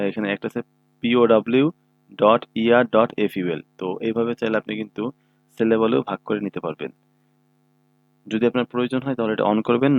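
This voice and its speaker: A man giving a screen-recorded computer tutorial, explaining each step patiently and often checking that listeners follow. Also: fairly low pitch. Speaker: computer instructor. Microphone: own microphone.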